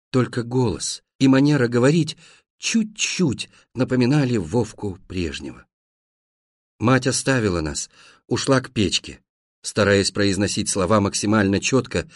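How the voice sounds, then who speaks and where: Male narrator for a literary first-person audiobook, measured and expressive, lively pitch, dry close read. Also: dry recording.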